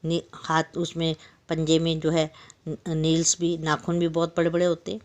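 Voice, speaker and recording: A woman teacher with a fairly low voice, reading a story to young pupils and then retelling each line in her own words. She keeps stopping to explain words and to ask the class questions. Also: completely flat delivery, moderate pace, a little mellow. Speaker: school teacher. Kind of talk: storytelling lesson for young children.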